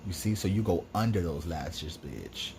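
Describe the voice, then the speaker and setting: A man with a fairly low voice hosts a makeup tutorial as a sassy drag queen. His talk is campy, chatty and full of slangy exclamations. There is faint noise behind him. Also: expressive, normal speed, vocal fry, darkish tone. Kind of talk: casual makeup tutorial commentary with chatty asides.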